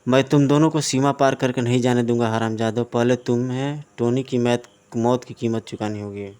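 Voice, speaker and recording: A man voicing a determined male hunter who vows revenge in a low, quiet tone in a comic audio story. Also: steady tone, normal speed, clear, resonant tone, lightly acted. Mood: vengeful. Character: grim vengeful male hunter, father of a family.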